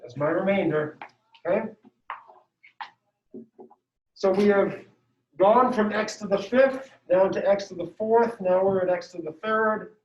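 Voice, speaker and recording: A man's voice: high-pitched, unhurried, pauses often, darkish tone, a little hiss or hum. A male math teacher giving a classroom lecture, upbeat and walking students through each step. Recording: dull echoey room sound from far off.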